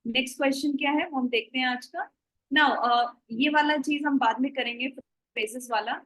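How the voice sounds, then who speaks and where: A woman with a high voice teaches a class online, talking into a computer mic. She moves between Hindi and English as she explains points and tells the class what to do. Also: normal speed, a bit bright, rough recording. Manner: mixes Hindi and English, gives instructions.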